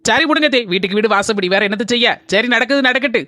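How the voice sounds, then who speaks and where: A woman's voice: a little high, quick pace, pushed and bright, dry recording. A woman voicing a dutiful young village daughter-in-law in a cartoon, with a southern Tamil Nadu village dialect. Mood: respectful. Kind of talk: cartoon voice acting.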